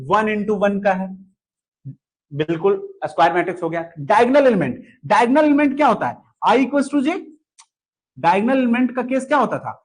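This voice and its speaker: Male teacher running an online class, high voice, repeats himself, keeps checking if students follow. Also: rough recording. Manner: asks students to answer and comment, repeats key points. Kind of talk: online lesson solving exam questions.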